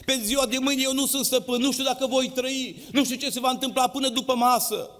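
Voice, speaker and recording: A man's voice: very high-pitched, steady tone, fairly bright tone. A man preaching a sermon in a church, with an impassioned, sing-song delivery that rises and drops. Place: church hall. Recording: long hall reverb.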